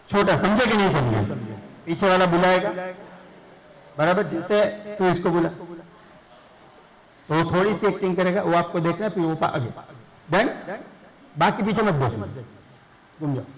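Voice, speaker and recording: A man speaks to a live group of students in a fairly high voice. He is coaxing and patient, checking again and again that everyone has understood. The talk is loose and lively, addressed straight to the room. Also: low-quality recording. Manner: coaxing, explains rules again and again. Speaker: speaker leading students in a game.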